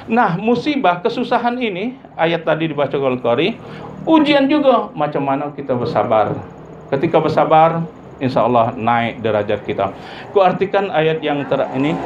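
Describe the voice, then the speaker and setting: A man giving a sermon, his voice jumping high for emphasis as he acts out everyday family dialogue. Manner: lively pitch leaps, acts out dialogue of parents and children. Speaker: preacher. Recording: dull lo-fi recording with faint ambient noise.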